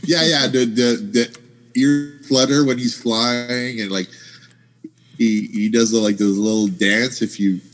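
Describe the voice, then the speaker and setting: A man's voice: medium pitch, level tone, measured pace, poor audio. A man hosting a podcast on a headset mic from home, rambling enthusiastically in casual chat. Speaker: podcast host. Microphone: headset microphone.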